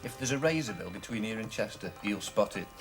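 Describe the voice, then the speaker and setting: A man's voice: fairly low pitch, expressive, brisk, natural voice. An actor playing a mild, cautious, homely man, earnest and hesitant in natural TV comedy-drama dialogue. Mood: flustered, rueful. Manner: hesitant, earnest, mildly fussy. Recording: music behind the dialogue.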